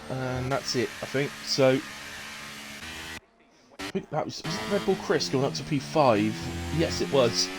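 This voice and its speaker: A man commentates on sim racing in an informal, conversational way, with music clearly playing behind him. His voice sits at a middling pitch. He thinks aloud as he calls the action, like a league regular talking viewers through a session. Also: lively intonation, a little slow, pauses often. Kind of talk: live play-by-play qualifying commentary for an online racing league.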